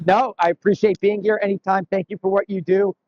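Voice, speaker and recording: High-voiced man on a dull remote line. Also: flat delivery, fairly quick, a little mellow, no echo. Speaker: remote guest. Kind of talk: casual interview chat. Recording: dull, dry remote call audio.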